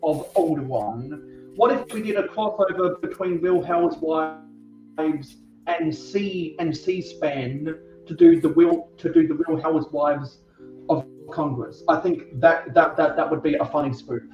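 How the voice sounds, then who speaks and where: A man's voice: fairly high pitch, expressive, measured pace, a little mellow. A man co-hosting a casual livestream chat, stammering through restarts. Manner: stammering restarts, breaks into sung theme songs. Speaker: co-host. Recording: distant echoey lo-fi mic with music.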